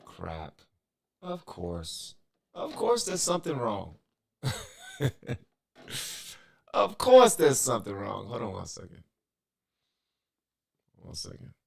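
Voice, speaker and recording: A man's voice: fairly low pitch, wildly swooping pitch, takes it slowly, vocal fry, long pauses, a little mellow, husky. A man hosting a casual live stream, his voice coming through with a robotic, metallic audio glitch. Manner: laid-back, says y'all. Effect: robotic, metallic-sounding audio glitch.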